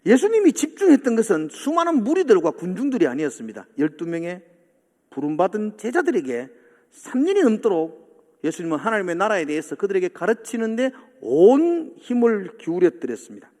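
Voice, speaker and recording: A man preaches from a church pulpit. His voice sits high and swings widely in pitch as he acts out the disciples' complaints. The sanctuary leaves a long reverb trailing behind each phrase. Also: huge pitch swings, fairly quick, mellow. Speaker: pastor. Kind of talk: sermon.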